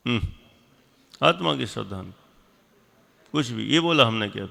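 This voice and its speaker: Slow gravelly man teaching in hall. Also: medium pitch, expressive, bright, forceful tone. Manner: slow, repeats definitions, quizzes and scolds pupils. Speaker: religious teacher. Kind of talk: classroom lesson with questions to students.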